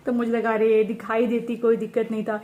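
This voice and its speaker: Chatty young mother, high voice. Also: completely flat delivery, fairly quick, narrow, tinny audio. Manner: chatty, playful baby talk with her toddler. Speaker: vlogger and mother. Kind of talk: casual family vlog chat. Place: home indoors.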